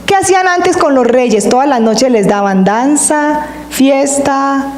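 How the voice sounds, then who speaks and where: High-voiced woman preaching in echoey hall. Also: animated, slight background noise. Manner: earnest, drawn-out emphatic phrasing. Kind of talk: sermon reading and explaining scripture. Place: church hall. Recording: echoey hall with long reverb.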